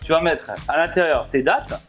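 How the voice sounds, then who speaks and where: A man with a fairly high voice for a man hosts a home cooking video. He chats and jokes his way through it, laughs often, and talks to viewers as if they were sitting in front of him. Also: normal speed, a bit bright, faint music behind. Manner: chatty and jokey, often laughing, addresses viewers directly. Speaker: cooking channel host. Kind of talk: casual cooking vlog talk.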